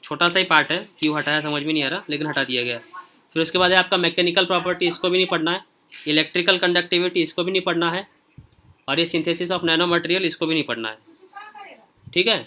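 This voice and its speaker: Male teacher, bright and forceful tone, informal, talks straight to students. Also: a little high, steady tone, fast, slight background noise. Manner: informal, repeats "okay" often while scrolling through pages; speaks directly to students. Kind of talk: casual screen-share lesson.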